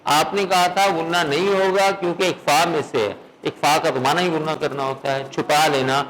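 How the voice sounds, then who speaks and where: A man teaching a recitation class who keeps putting questions to his students, often checks with "okay?", and drills the sounds slowly, one at a time. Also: a little high, steady tone, fairly bright tone, slight background noise, low-quality recording.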